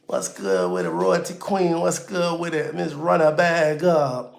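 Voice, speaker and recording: Man, auto-tuned voice, gravelly, a bit high, loose slangy livestream chat, echoey room. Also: a little slow. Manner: loose, slangy, talks straight to viewers. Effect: auto-tune on voice. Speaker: livestream host.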